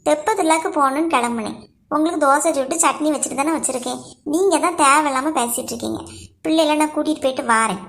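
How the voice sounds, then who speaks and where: A woman's voice: high-pitched, creaky, a bit bright, a little hiss or hum. A woman voicing a harried young mother and daughter-in-law. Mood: explaining. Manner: quick, pleading, explaining.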